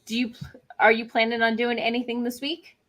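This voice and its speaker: A woman's voice: on the high side, completely flat delivery, fairly quick, fairly bright tone. A middle-aged woman hosting a casual livestream, chatting and cheering on viewers' comments. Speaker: livestream host. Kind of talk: casual chat.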